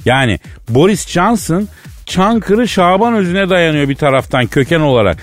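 A man from Elazığ telling a comic story as a radio co-host, chatty and lively. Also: fairly high pitch, normal speed, soft background music. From Elazığ, Turkey. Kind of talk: comic radio banter with a fake phone call.

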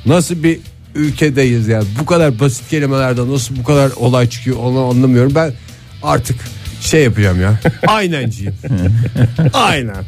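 A man with a mid-range voice hosts a morning radio show. He trades jokes in a dry, deadpan way, often in a mock-official tone. Faint music plays behind him in the studio. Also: medium pitch, moderate pace. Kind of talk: casual radio banter.

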